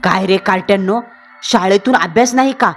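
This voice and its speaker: A woman voicing a possessed, raging middle-aged husband who shouts harsh scolding, with faint music behind. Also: medium pitch, normal speed, lightly acted. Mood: furious.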